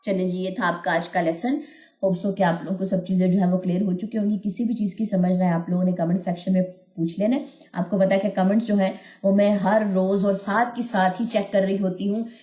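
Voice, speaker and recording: A woman teaching Quran recitation in a recorded online lesson, patiently explaining sounds and chanting verses slowly and melodically. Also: medium pitch, fairly even intonation, mellow, roomy sound.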